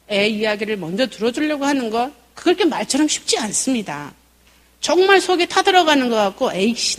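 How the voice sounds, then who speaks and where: A middle-aged woman giving a church parenting seminar, telling family stories expressively and acting out the dialogue. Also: sits high. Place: church hall. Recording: echoey church hall.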